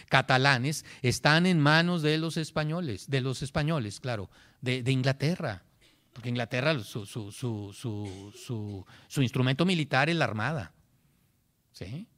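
Animated man lecturing on history. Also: a little high. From Mexico. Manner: animated, frequent "¿sí?" check-ins, acts out historical voices; repeats words while searching, restarts. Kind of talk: classroom lecture.

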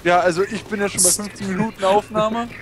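A man's voice: high voice, steady tone, quick pace, a crowd in the background. Sarcastic male gamer griping. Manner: exasperated, sarcastic griping about glitches. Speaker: co-op player. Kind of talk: casual gameplay commentary.

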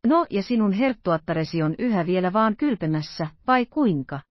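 A woman reading the part of a lively young male musketeer who exclaims quickly. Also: medium pitch, no room sound, muffled recording, natural voice. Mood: teasing.

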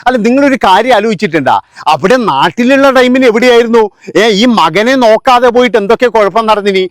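A man's voice: very high-pitched, expressive, fast, dry recording, clean studio sound. A man giving sarcastic vlog commentary, mocking and scornful as he picks apart what he has watched. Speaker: vlogger.

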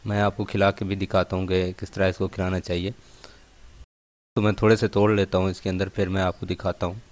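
Low, flat-voiced man explaining bird care. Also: brisk. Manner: steady explanatory, repeatedly pointing things out to viewers. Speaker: bird keeper showing partridge care. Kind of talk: instructional demonstration vlog.

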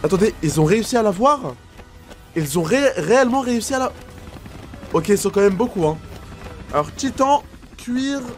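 A man reacting to videos as a YouTuber, giving excited commentary full of exclamations and gasps. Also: high-pitched, normal speed, pauses often, soft background music.

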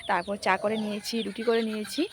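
A woman's voice: medium pitch, little pitch movement, fast talker, noisy background. A young woman chatting to her viewers as she shows her household chores in a village home, filming on a phone. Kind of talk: casual vlog talk to viewers. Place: village home, partly outdoors.

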